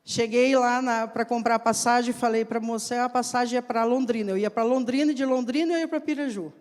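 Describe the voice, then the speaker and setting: A woman preacher giving a sermon with personal testimony, telling her stories slowly and emphatically and acting out the dialogue in them. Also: on the high side, fairly even intonation, a little mellow. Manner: slow, emphatic storytelling. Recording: long hall reverb.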